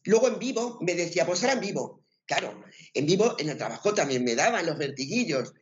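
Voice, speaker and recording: Animated storyteller woman with Spanish accent. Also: low-pitched, a little fast, lo-fi sound. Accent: Spain Spanish. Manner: animated storyteller, repeats words. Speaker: interview guest. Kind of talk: personal testimony in conversation.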